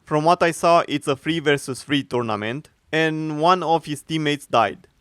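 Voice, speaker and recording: Sarcastic male commentary voice, smooth and dry. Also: a little high, fairly bright tone, dry recording. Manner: sarcastic, mocking, frequent filler pauses. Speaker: commentary youtuber. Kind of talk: opinionated video commentary.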